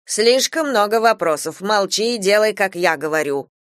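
A woman's voice: medium pitch, expressive, normal speed, no echo, studio quality, natural voice. A woman reading a storybook voices a stern, superstitious old grandmother who grumbles and scolds. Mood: scolding. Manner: scolding, insistent.

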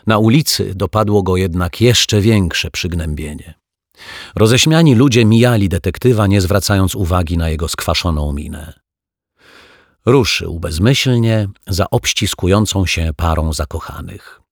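Deep gravelly man reading a children's story. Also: unhurried, no echo, studio quality. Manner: lively expressive storytelling. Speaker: audiobook narrator.

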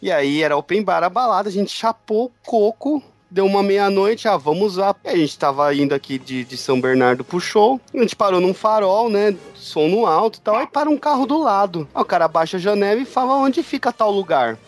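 A man's voice: sits high, animated, fairly quick, few pauses. A young man, a podcast co-host telling a party story among friends, laughing often.

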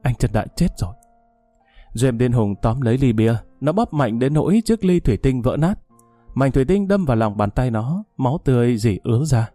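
A man narrating a dramatic story in a measured way. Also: medium pitch, lively intonation, warm tone, no echo, faint music behind.

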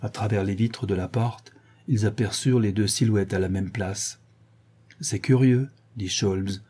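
A man's voice: lowish voice, fairly even intonation, a little slow, mellow, husky. A man reading a classic detective novel aloud as an audiobook, voicing the characters' lines in the telling. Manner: acts out the characters' lines, rising sharply in alarm. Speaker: audiobook narrator.

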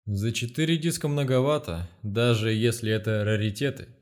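A man's voice: lowish voice, normal speed, natural voice. A stern, commanding male investigator, read by a man narrating the book. He speaks bluntly and with open contempt, close to the reader's own voice. An audiobook character reading.

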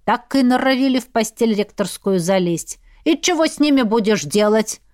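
A woman's voice: a little high, animated, normal speed, darkish tone, natural voice. A woman voicing a gossipy, grumbling old village woman who rambles in folksy talk. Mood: grudging.

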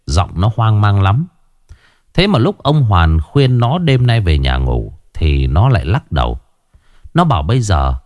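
A man narrating a ghost story in an animated, colloquial storytelling manner. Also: low voice, no room sound, clean studio sound.

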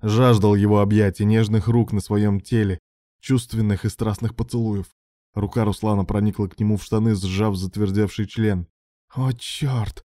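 A man narrating a romance audiobook in an even, measured reading. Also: on the low side, no room sound, clean studio sound.

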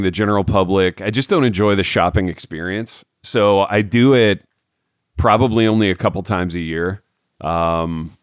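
A man co-hosting a podcast in casual chat, laid-back and drawn-out, trailing off quietly, and short on sleep. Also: on the low side, dry recording, clean studio sound. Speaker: podcast co-host.

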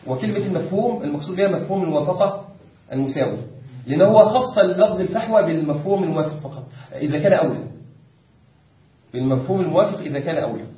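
Egyptian male teacher, patient drilling manner, slightly high voice; distant, echoey, muffled recording. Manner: patient, repeats and drills points, quizzes students. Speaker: Islamic law teacher. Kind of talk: classroom lesson explaining a text. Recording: echoey room, distant dull mic.

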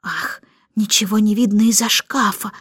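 A woman voicing a fussy, excitable older female housekeeper in a storybook reading, gushing and breathless. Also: medium pitch, moderate pace, slightly rough, no room sound, clean studio sound. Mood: flustered. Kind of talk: audiobook character reading.

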